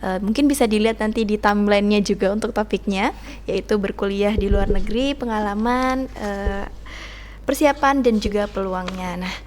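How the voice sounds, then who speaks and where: A woman's voice: medium pitch, moderate pace, a little mellow, a little hiss or hum. Upbeat young woman hosting an interview. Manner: upbeat, enthusiastic, fond of intensifiers. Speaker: host.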